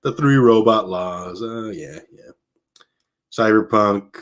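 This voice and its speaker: Slow-talking low-voiced man. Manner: relaxed and chatty, with laughs and fillers between readings. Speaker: audiobook reader streaming live. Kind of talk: reading a novel aloud, then chatting with viewers.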